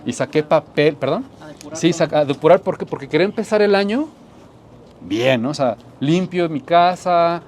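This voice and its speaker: A man, a pastor giving an earnest sermon testimony, often repeating phrases and dropping to soft tones for emphasis. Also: fairly high pitch, animated, a little fast.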